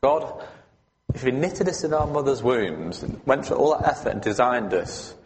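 A man preaching a sermon at a mid pitch, leaning into his points and putting questions to the congregation. His voice carries a long reverb from the hall around him. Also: lively intonation, moderate pace, slight background noise. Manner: conversational, emphatic, asks the congregation questions.

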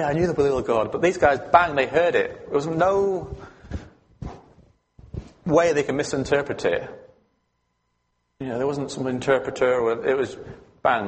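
A man preaching a sermon at a mid pitch, leaning into his points and putting questions to the congregation. His voice carries a long reverb from the hall around him. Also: a little hiss or hum. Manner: conversational, emphatic, asks the congregation questions.

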